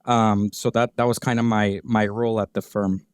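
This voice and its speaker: Smooth-voiced man from Guatemala, halting. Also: fairly low pitch, dry recording, studio quality. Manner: relaxed, halting, many fillers and restarts. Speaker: podcast guest, business owner. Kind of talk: conversational interview.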